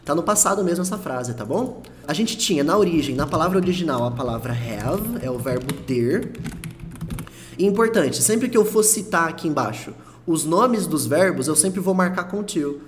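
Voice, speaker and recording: A man who speaks Portuguese natively, teaching English in an online lesson, explaining phrases step by step and repeating English words slowly to show pronunciation. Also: a little high, animated, a little hiss or hum.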